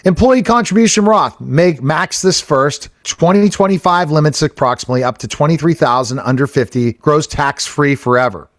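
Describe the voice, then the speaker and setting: A man co-hosting a podcast, reading text aloud in a steady, plain way. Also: on the high side, normal speed, few pauses, no room sound, clean studio sound. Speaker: podcast co-host. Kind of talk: reading aloud and casual chat.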